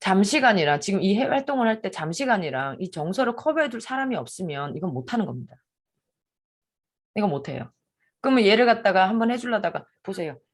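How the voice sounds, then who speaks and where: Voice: mid-range voice, big pitch swings, fast. A parenting advisor giving one-on-one advice, explaining each step and acting out sample lines to say to a child.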